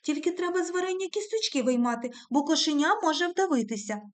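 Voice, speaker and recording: A woman voicing a shy, proud young village boy in a storybook reading, earnest and high. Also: expressive, moderate pace, darkish tone. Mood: scornful.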